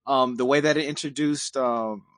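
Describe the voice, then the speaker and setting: A man's voice: mid-range voice, steady tone, a bit bright. A male podcast co-host in a casual panel chat, explaining his picks earnestly with frequent ums. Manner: earnest, measured, with filler ums.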